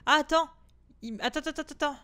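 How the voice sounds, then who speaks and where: A young adult woman streaming a horror game, chatting casually with her viewers. She swears freely, repeats herself in quick bursts and breaks into shrieks when the game startles her. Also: high-pitched, pushed and bright. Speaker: gaming streamer. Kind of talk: let's-play commentary of a horror game.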